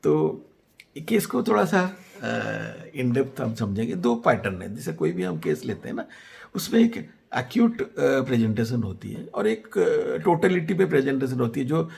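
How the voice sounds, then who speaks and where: A man teaching a homeopathy case. He retells the family's story in first person, then analyses it, mixing Hindi with English phrases and pausing on fillers. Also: mid-range voice, sing-song, gravelly, a little mellow. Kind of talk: case lecture.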